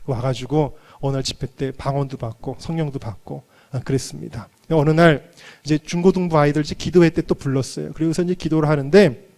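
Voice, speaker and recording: A man's voice: a little high, brisk, darkish tone. A man, a pastor, preaching at a revival meeting with humorous personal stories. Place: church.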